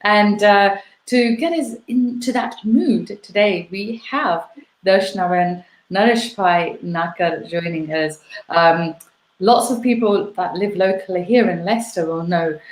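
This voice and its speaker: A woman's voice: medium pitch, lively intonation, a little slow, roomy sound. A woman hosting a live online interview chat from home on a video call, chatty and full of fillers. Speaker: talk show host.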